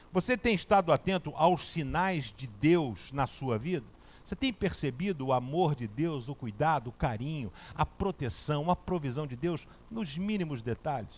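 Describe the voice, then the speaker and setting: Brazilian guy pastor, high pitched, chatty animated sermon in a church. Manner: colloquial, animated, slangy storytelling. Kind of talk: sermon with personal storytelling.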